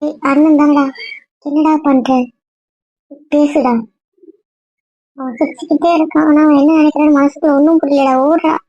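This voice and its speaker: A woman with a higher voice talks in a chatty, teasing way in an amateur web drama. Her voice sounds dull and lo-fi, close and dry. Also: level tone, normal speed, pauses often, warm tone, no echo. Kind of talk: amateur web series acting.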